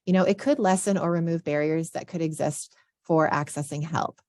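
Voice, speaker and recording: A woman's voice: sits low, normal speed, a little mellow, no echo, studio quality. A woman, a student affairs dean, giving an earnest, explanatory training presentation with frequent verbal fillers.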